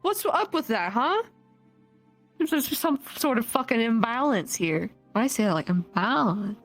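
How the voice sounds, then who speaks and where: A woman's voice: on the high side, lively intonation, normal speed, soft background music. A woman bantering in character during a tabletop game, teasing, giggling and swearing freely.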